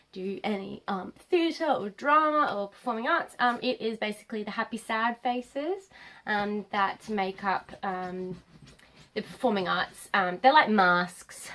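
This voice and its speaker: A woman in her late twenties, nasal from a cold, chatting to camera as a vlogger, rambling with many pauses and ums. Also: a little high, fairly bright tone. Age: late 20s. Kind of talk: casual chat to camera.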